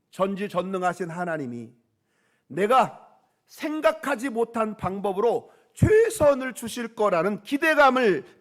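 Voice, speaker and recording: A male pastor preaching a sermon, calling out questions to the congregation and pressing his points with emphasis. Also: high-pitched.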